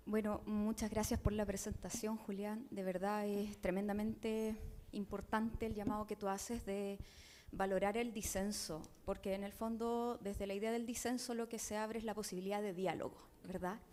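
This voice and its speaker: A woman's voice: medium pitch, flat delivery, normal speed, a little mellow, a little hiss or hum. A woman from Chile with a Chilean accent, speaking as a discussant on an academic panel, thoughtful and digressive, often adding tag questions.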